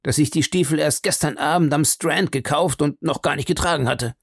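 A man's voice: on the high side, fairly quick, gravelly, breathy edge, no echo, studio quality, pitched above the performer's own voice. A man reading a blunt, impatient young baronet. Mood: complaining. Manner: plain-spoken, a bit impatient, colloquial. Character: blunt, outspoken young male baronet raised abroad.

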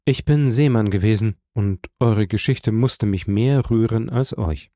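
A man voicing a grave, reserved nobleman in an audiobook, speaking calmly and with restraint. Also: on the low side, a little slow, dry recording, studio quality, natural voice. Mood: restrained. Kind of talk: audiobook character reading.

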